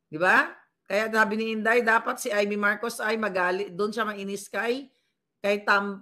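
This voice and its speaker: A woman's voice: medium pitch, pushed and bright. Scornful Filipino woman mocking politicians. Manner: scornful, mocking, reads viewer comments aloud. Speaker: political commentary vlogger. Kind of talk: casual live political commentary.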